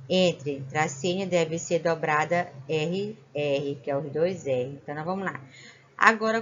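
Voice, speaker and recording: Brazilian woman teacher, lowish voice, patient and repetitive with young kids, dull home recording. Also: a bit bright, a little hiss or hum. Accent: Brazilian Portuguese. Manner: patient, repeats "né?" and "ó" to check on children. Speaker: primary school teacher. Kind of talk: remote lesson explaining a worksheet.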